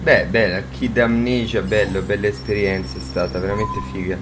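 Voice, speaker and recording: A man's voice: lowish voice, flat delivery, fairly quick. Casual male game streamer, noisy recording. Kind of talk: casual rambling commentary over gameplay. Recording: loud background noise.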